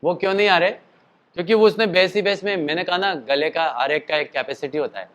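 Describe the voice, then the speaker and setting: His voice is a little high, a bit bright, and slightly quick as he explains at length in a relaxed singing and voice lesson. Chatty and explanatory, he shows off calls and sung notes, though his throat is tired from a performance the previous night.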